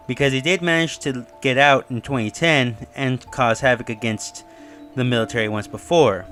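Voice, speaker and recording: A man with a medium-pitched, slightly bright voice hosts a video, offering casual, speculative commentary. He muses and rambles a little, with music playing under his voice.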